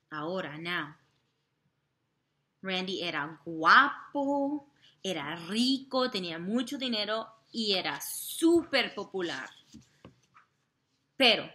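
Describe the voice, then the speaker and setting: Slow, bright-voiced woman teaching Spanish. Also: medium pitch. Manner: slow, repeats each phrase, switches between Spanish and English to explain; sings and makes sound effects while telling the story. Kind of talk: bilingual classroom storytelling lesson.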